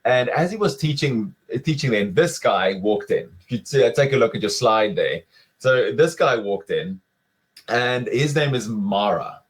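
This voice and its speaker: A man's voice: mid-range voice, expressive, a little slow, rough recording. A man presenting a webinar in a conversational way, often using filler words and asking rhetorical questions. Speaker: webinar speaker.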